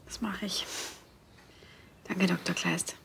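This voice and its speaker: An actress playing a shaken, exhausted female patient in a television medical drama, speaking in a fragile, halting way. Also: on the low side, steady tone, creaky, whispered, heavily acted. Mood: shaken, subdued. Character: shaken, exhausted woman patient recovering from a fright.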